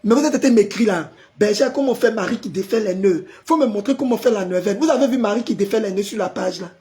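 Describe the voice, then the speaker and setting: A pastor hosting a live stream, hoarse from a sore throat and forcing his voice out as he chats with viewers and answers their comments. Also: high voice, quick pace, mellow. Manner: chatty, greets viewers by name and answers comments.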